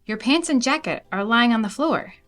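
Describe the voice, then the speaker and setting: A woman's voice: on the high side, expressive, normal speed, a bit bright, soft background music, voice pushed up. A woman voicing an upbeat male storybook frog, encouraging and insistent with a friend. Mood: chiding.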